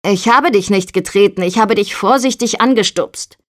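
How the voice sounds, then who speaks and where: A woman's voice: medium pitch, normal speed, lightly acted. A woman reading the lines of an arrogant young man who lectures condescendingly in a story. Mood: irritated. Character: arrogant bossy young man, boat builder's colleague.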